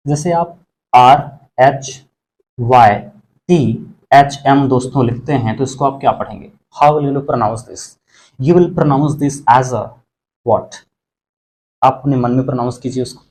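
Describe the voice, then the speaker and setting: A man's voice: medium pitch, darkish tone. A man teaching English pronunciation, asking questions and repeating words to drill them. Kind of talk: bilingual classroom lesson.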